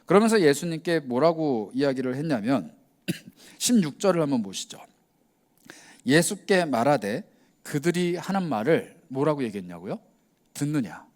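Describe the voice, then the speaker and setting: A man preaching to young people with a higher voice and a wide, bouncing pitch that rises and falls. He tells the story in a casual, conversational way. He acts out the lines he quotes in small voices of their own. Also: very animated, normal speed. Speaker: pastor. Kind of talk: youth worship sermon.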